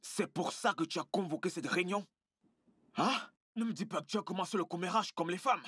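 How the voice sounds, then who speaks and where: A man's voice: high-pitched, fairly quick, pushed and bright, breathy edge, no room sound, clean studio sound, exaggerated voice. A man dubbing a village man who reproaches and mocks his brother in a dubbed film. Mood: reproachful. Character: disapproving village elder brother.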